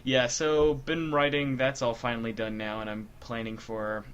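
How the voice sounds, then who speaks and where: A man's voice: medium pitch, little pitch movement, moderate pace, a bit bright, clear, resonant tone, muffled recording. A young man hosting a podcast in casual chat, joking and playfully teasing his co-hosts. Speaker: podcast host.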